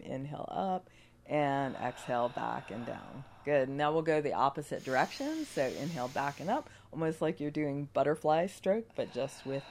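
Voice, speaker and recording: A woman guest on a radio yoga segment speaks with a gravelly voice, roughened by a cold. Her delivery is measured and instructional, suited to guided meditation and gentle movement cues. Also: low voice, slight background noise. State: has a cold.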